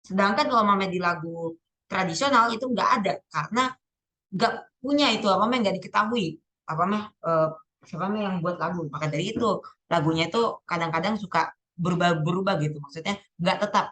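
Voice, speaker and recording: A woman's voice: on the low side, fast, bright, forceful tone, poor audio. A teenage girl casually going over exam answers, thinking aloud and often correcting herself. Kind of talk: casual spoken exam walkthrough.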